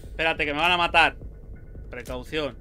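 Young guy from spain playing a horror game, yelps and swears at every scare, bright voice, bit of music under it. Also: a little high, moderate pace. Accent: Spain Spanish. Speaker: gaming YouTuber. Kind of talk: let's play commentary.

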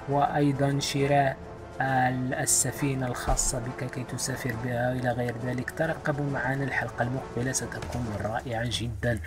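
A man hosting a gaming channel, giving playful, excitable let's play commentary and joking with his viewers. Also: mid-range voice.

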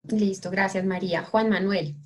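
Brisk woman moderating an online Q&A. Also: mid-range voice, fairly even intonation. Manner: brisk and courteous, passing the turn. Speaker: webinar moderator. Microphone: video call.

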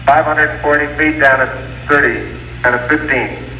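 A man giving clipped, steady descent callouts over a crackly space radio transmission with beeps. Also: fairly high pitch, normal speed. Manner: clipped, steady, matter-of-fact numbers. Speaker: astronaut calling out descent. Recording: distant echoey archival radio with faint noise.

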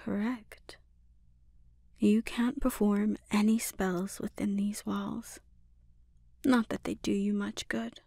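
A woman plays a calmly dominant sorceress villain in an intimate ASMR roleplay, sounding taunting and menacing. Her medium-pitched voice is deliberate and slips into breathy whispers, captured in clean studio sound with no echo.

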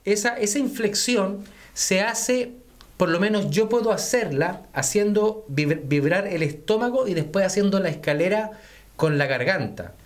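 A man's voice: sits high, lively intonation, moderate pace. A male vocal coach explaining singing technique, speaking to viewers as friends and breaking into short sung demonstrations.

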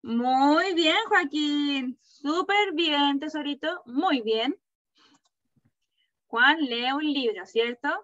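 A woman teaching a kindergarten class over a video call, asking slow, patient questions and praising the children. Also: high-pitched, fairly bright tone, dry recording. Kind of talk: online class with young children. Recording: dull, muffled video-call audio.

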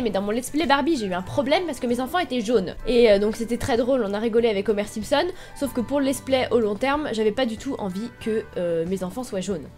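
A woman's voice: fairly high pitch, darkish tone. A young woman from Brittany walking viewers through a game on screen, chatty and explanatory, spelling things out step by step. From Brittany, France. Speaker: gaming YouTuber. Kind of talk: screen-recorded game tutorial.

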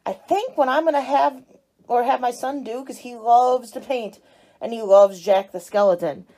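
A woman's voice: on the high side, normal speed, dark tone, rough recording. A woman in her thirties chatting casually to viewers while filming on a handheld phone, upbeat and talkative. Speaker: dumpster diving vlogger. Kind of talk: casual vlog narration. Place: outdoors at store dumpsters and at home. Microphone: handheld phone camera.

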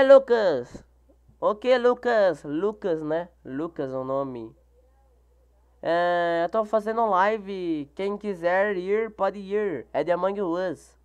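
A man's voice: sits high, slow, clean tone, highs cut off. A male live streamer with a Brazilian Portuguese accent, chatting casually during a game stream and greeting viewers by name, repeating each greeting. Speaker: live streamer reading chat.

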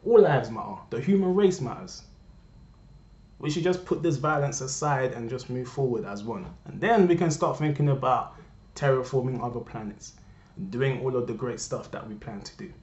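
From his living room, a young vlogger from Cameroon talks earnestly to viewers in an animated, mid-range, darkish voice at a moderate pace. He addresses them directly and keeps repeating himself with passion. The desk webcam produces roomy, dull, lo-fi sound.

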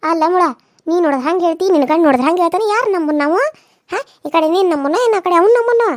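A woman's voice: extremely high pitch, fast, dry recording, clean studio sound. A woman voicing a blunt, fiery older village aunt in a cartoon serial, with a North Karnataka Kannada accent, scolding and indignant.

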